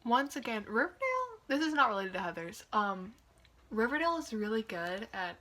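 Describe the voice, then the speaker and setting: A woman's voice: mid-range voice, expressive, brisk, a bit bright. A young woman giving casual reaction commentary, chatty and wry, full of "like" fillers and amused asides. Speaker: video reactor.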